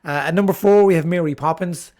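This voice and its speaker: A man's voice: fairly high pitch, fast, a little mellow. A middle-aged man hosting his own channel, talking casually and enthusiastically about favourite films, with frequent fillers and restarts. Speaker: channel host reviewing films. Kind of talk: casual video commentary.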